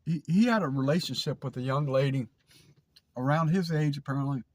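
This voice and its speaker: A man's voice: mid-range voice, brisk, no echo. A man with a stuffy, nasal voice, casually telling a story on his vlog, rambling and repeating words with lots of fillers. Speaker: vlog host.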